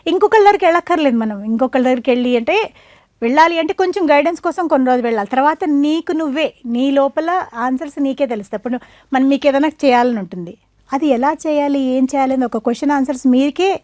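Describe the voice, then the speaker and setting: A middle-aged woman with a high voice speaks earnestly, stepping through rhetorical questions as she explains her ideas. She is a guest in an interview, and her voice sounds close and dry. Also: fast, a little mellow, no echo. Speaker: guest, academy founder. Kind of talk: conversational interview.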